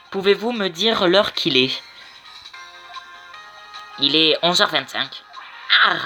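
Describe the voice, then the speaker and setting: A man reading as an earnest young defense lawyer in a game, stumbling over his words. The tone is bright. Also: on the high side. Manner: stammering, hesitant.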